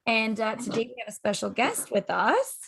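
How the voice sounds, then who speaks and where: A woman co-hosting a podcast in casual chat, her voice hoarse and gravelly, laughing often. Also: a little high, big pitch swings, moderate pace, a bit bright, a little hiss or hum. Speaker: podcast co-host.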